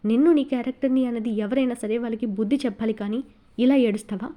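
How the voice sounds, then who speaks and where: A woman's voice: fairly high pitch, fast, dark tone, lightly acted. A woman voicing a fierce, proud young woman who defends her family, in an audio novel. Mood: defiant. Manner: firm and defiant.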